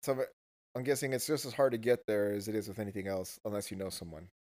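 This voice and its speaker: A man's voice: on the low side, fast, a little mellow. Blunt, teasing male interviewer. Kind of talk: casual interview questions.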